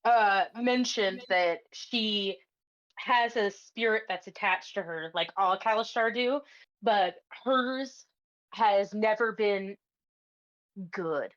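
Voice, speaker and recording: Slow-talking woman game master. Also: mid-range voice, fairly bright tone, highs cut off. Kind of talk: narrating a tabletop game.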